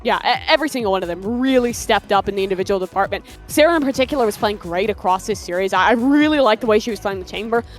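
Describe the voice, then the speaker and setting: A woman working as an esports caster, giving energetic, emphatic match commentary and analysis. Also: mid-range voice, fast talker, few pauses, soft background music.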